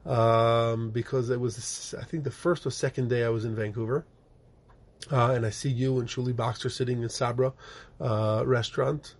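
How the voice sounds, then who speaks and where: A middle-aged man, American-born and raised in Israel, tells his life story from an office as a guest on an interview show, where he appears as a rabbi and organization director. His mid-range voice holds a steady tone at a moderate pace. He rambles, with many fillers and restarts.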